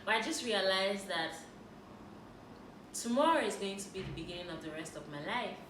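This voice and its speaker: A woman in her thirties speaks in a personal vlog. Her tone is earnest and reflective, and she often stops and restarts her sentences. She sits some way back from the camera mic in a roomy, echoey space with steady background noise. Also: medium pitch, moderate pace, far from the mic. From Nigeria. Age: 30s. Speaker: faith and lifestyle YouTuber.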